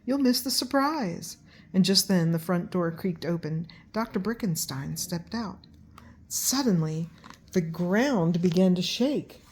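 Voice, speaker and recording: A woman's voice: lowish voice, measured pace, a little mellow, breathy edge. An older woman, a grandmother, reading a children's story aloud as narrator.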